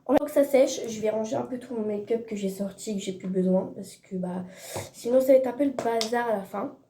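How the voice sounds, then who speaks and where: Teenage girl, makeup tutorial, chatty, hesitant, fairly high voice, echoey bedroom. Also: a little fast, dark tone, slight background noise. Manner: chatty, hesitant, many fillers and self-corrections. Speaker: beauty vlogger.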